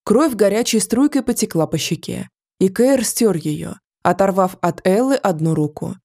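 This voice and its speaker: A female audiobook narrator with a mid-range voice reads a scripted fantasy story in a measured, even storytelling style.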